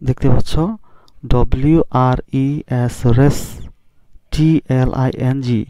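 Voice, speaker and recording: Man teaching spelling rules slowly. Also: mid-range voice, warm tone, dry recording. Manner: spells out letters slowly and asks students questions. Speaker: English teacher. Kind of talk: classroom lesson on phonics rules. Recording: dry, dull lo-fi sound.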